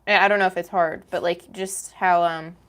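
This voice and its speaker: A young woman chatting casually as co-host of a live painting stream in a home studio. Her voice sits fairly low, and she talks loosely with plenty of fillers. She laughs easily between remarks. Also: steady tone, moderate pace, fairly bright tone. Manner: chatty, reads viewer comments aloud, laughs easily. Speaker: co-host, daughter.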